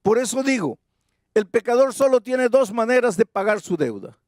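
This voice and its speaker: A man's voice: very high-pitched, lively intonation, moderate pace, darkish tone, dry recording, clean studio sound. A male pastor preaching an evangelistic sermon in an emphatic way, repeating his key phrases.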